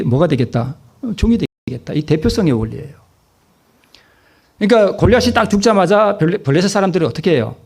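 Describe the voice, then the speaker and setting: Pastor guy preaching, husky voice, kinda high, keeps asking the crowd stuff then answering it. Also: a little mellow. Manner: asks the congregation questions and answers them himself; repeats key phrases for emphasis. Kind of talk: sermon.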